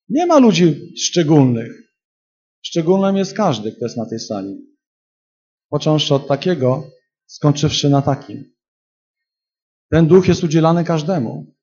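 In a church hall, a man delivers a charismatic sermon to his congregation, climbing to loud, emphatic peaks before sinking into quiet storytelling. His voice sits on the high side and sounds slightly rough, and the recording has its highs cut off.

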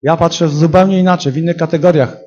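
A man preaches a charismatic sermon in a church hall. His voice sits a little high and sounds husky. He swings between loud, emphatic peaks and quiet storytelling, on a dull, lo-fi recording. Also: steady tone, fast talker.

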